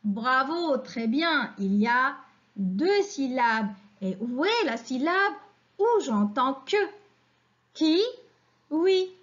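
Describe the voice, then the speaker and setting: A woman's voice: high voice, big pitch swings, slow pace, a bit bright, highs cut off. A woman teacher giving a patient phonics lesson to young children, asking questions and praising answers.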